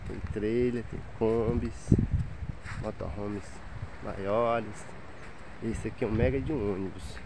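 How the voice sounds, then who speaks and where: This travel vlogger, a man in his thirties, speaks slowly in a lowish, steady voice, leaving long pauses as he cheerfully chats his way through a beachside campground. Filmed on a handheld phone outdoors in the wind, the casual walkthrough is full of loud wind noise on the mic.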